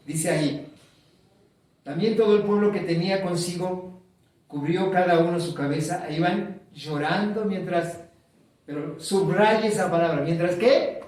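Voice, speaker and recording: Male preacher, sermon delivery, quizzes the crowd and repeats key words; high voice, boomy distant room sound. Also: unhurried, darkish tone, very echoey. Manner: asks the congregation questions and repeats key words.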